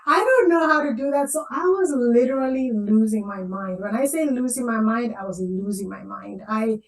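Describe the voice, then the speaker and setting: A woman in her forties, a guest in a casual interview over a video call, animated and laughing often, repeating phrases for emphasis. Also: fairly high pitch, normal speed, low-quality recording. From Zambia.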